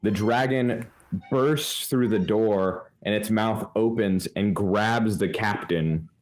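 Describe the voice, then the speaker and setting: A man narrating a tabletop game as game master, with halting restarts. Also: on the low side.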